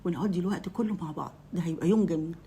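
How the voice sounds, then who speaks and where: A good-natured husband eager to host family, as a woman storyteller puts him on, speaking with an Egyptian accent. Friendly and coaxing, very fast, with a husky, mellow tone. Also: fairly low pitch.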